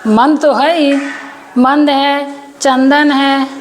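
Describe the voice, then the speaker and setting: A woman's voice: high-pitched, flat delivery, drawn-out words, background noise. A woman teaching a grammar lesson to children, patiently repeating words and asking them questions.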